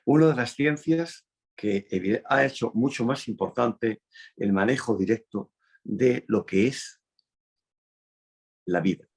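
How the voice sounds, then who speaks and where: A man from Spain hosting an interview, speaking emphatically with drawn-out phrases and falling endings. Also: mid-range voice, darkish tone, breathy edge. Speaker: host.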